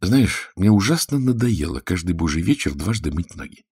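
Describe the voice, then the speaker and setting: A man's voice: sits low, sing-song, normal speed, darkish tone, husky, no echo, clean studio sound, exaggerated voice. A man reading aloud and voicing a bossy teenage girl who speaks offhandedly in a storybook reading. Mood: offhand. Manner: offhand, then eager.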